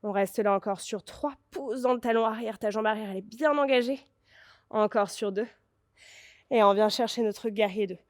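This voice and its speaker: A woman's voice: fairly high pitch, moderate pace, dry recording, clean studio sound. Encouraging French yoga teacher, woman. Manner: encouraging, cueing breath and poses. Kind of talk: guided yoga class.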